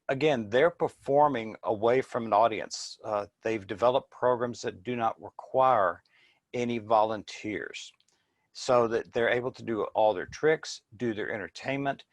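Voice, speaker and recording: A man's voice: medium pitch, no echo. A man giving an informal sales presentation in a plain-spoken, explanatory way. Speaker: business presenter.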